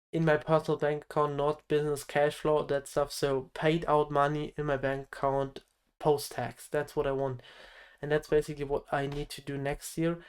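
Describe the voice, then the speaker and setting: A man's voice: on the high side, clean tone. Earnest teenage man giving advice. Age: teens. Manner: earnest, direct advice to the viewer. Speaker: health coach. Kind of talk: motivational vlog monologue.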